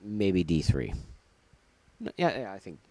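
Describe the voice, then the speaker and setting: Deep-voiced, jokey man. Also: very animated, a little slow, warm tone, no echo. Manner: jokey, rambling, full of puns and asides. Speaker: laserdisc collector. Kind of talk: casual show-and-tell vlog.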